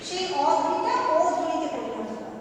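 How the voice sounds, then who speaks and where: Woman teacher, high voice, patient and repetitive, rhetorical questions, recorded far off in a very echoey hall. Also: big pitch swings, a little mellow. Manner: patient, repeats rules slowly and asks rhetorical questions. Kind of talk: classroom grammar lesson. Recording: echoey hall, far from the mic, faint noise.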